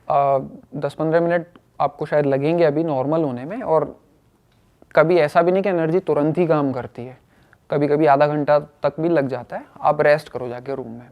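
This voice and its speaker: Young male storyteller, fairly high voice, animated delivery, acts out quotes. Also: muffled recording. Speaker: guest telling a personal story. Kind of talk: casual storytelling.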